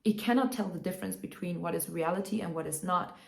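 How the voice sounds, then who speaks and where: A woman's voice: on the low side, fast talker, vocal fry, darkish tone. Upbeat woman vlogger in echoey room. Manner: upbeat, coaxing, fillers like "you know" and "right?". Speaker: lifestyle vlogger. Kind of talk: motivational self-help talk to camera.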